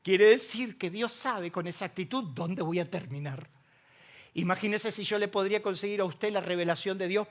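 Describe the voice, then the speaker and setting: A middle-aged man with an Argentine accent preaching a sermon, joking between loud preaching and quiet asides. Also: high voice. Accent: Argentine Spanish. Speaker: pastor.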